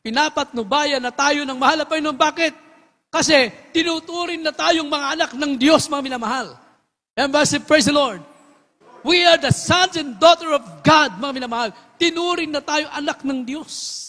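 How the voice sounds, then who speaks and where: A man preaches a fervent sermon in a strikingly high voice. He sinks to near-whispers, then surges into shouted praise, and keeps calling his listeners his beloved. A long hall reverb trails every word. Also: moderate pace.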